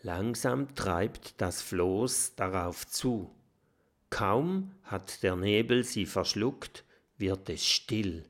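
Slow, lively male storyteller. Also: fairly low pitch. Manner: calm, storytelling. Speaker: narrator. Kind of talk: children's audiobook narration.

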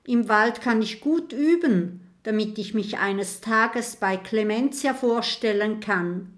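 A woman's voice: on the high side, slow, voice pushed up. A woman voicing a shy, clumsy little male ghost who stammers and mixes up names. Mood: flustered sheepish.

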